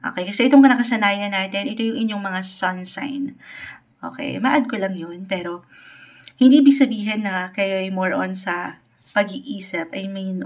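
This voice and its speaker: A woman gives a weekly tarot reading live for her viewers. She sounds reassuring and polite, switches freely between Tagalog and English, and often pauses to ask "okay?". Her voice sits at an ordinary pitch for a woman, and the livestream audio is a little muffled and dull. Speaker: tarot reader.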